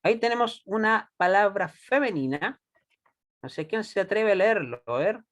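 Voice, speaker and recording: A man teaching a Hebrew class, patient and deliberate, often checking that students follow. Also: sits high, lively intonation, fairly bright tone. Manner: patient, checks understanding with frequent "¿ya?"; slow and deliberate, repeats words for students. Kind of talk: classroom lesson.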